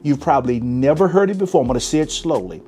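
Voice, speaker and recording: A man's voice: fairly high pitch, animated, quick pace, mellow. A man hosting a motivational money talk to camera as a cash flow strategist, emphatic and coaxing as he addresses his viewers. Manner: emphatic and coaxing, often urging "come on".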